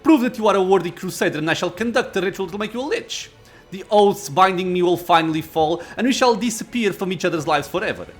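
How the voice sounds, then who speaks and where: A man's voice: a little high, very animated, normal speed, fairly bright tone, soft background music. A man voicing an ancient undead lich master from a fantasy game, lordly and impatient, speaking in formal, archaic phrases. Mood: irritated. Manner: imperious, archaic formal speech. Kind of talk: acted reading of fantasy game dialogue.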